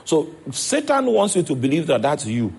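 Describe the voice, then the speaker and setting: A man's voice: on the high side, huge pitch swings, normal speed, creaky, a little mellow, breathy edge. A man with a Nigerian accent preaching a sermon as pastor, checking in with his congregation as he goes.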